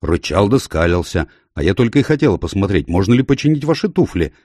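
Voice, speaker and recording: A gruff, grumbling landlady, as a man reads her, blunt in every word yet kind underneath. The voice stays low, dark and slightly husky. The recording is dry and close. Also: very animated, fast talker, no room sound.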